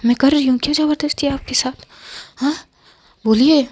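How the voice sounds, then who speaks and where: A woman voicing a tender young woman in a storybook romance, coaxing and soothing her partner in a soft half-whisper. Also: sits high, steady tone, normal speed, no echo, natural voice. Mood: teasing.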